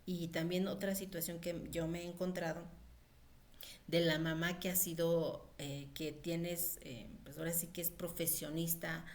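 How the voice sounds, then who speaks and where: A woman's voice: fairly low pitch, level tone, a little slow, a little mellow. A woman giving an informal lecture on pediatric nutrition, chatty, with many fillers. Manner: conversational, with frequent fillers and acted-out quotes of mothers.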